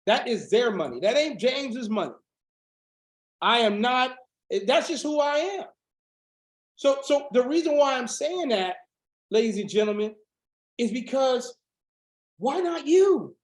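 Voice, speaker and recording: A hoarse man coaching a business team on a video call, preaching with fire and breaking into shouts. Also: extremely high pitch, expressive, measured pace, pauses often, roomy sound. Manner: fiery preaching, rising to shouts. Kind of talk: motivational sales training on a video call.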